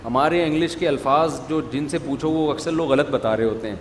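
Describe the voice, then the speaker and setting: A middle-aged man giving an informal religious talk to an audience, conversational and scolding, with many rhetorical questions. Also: a little high. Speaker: religious scholar, preacher. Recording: long reverb, faint room noise.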